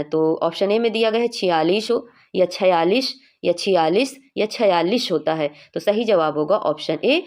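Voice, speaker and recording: A woman's voice: fairly low pitch, darkish tone. A young woman teaching a Hindi exam revision class, explaining each answer patiently and often checking in with her students.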